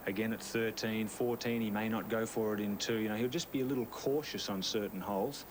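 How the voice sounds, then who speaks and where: Low-pitched male golf analyst. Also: fairly even intonation, a little fast, noisy background. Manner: explanatory, analytical. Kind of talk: live golf commentary.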